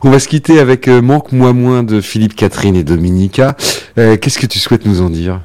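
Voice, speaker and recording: A man hosting a radio interview show, relaxed, with frequent fillers and easy laughter. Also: lowish voice, fairly quick.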